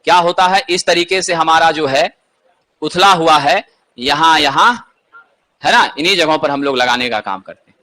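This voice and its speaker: A man's voice: a little high, normal speed, pushed and bright. A man teaching an exam-prep lesson, asking questions and answering them himself.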